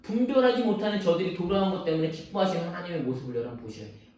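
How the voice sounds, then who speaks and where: A man's voice: high voice, rapid-fire, darkish tone. A man preaching a sermon as pastor, earnest and pleading, acting out prayers as he speaks. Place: church sanctuary. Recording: echoey church hall, distant mic.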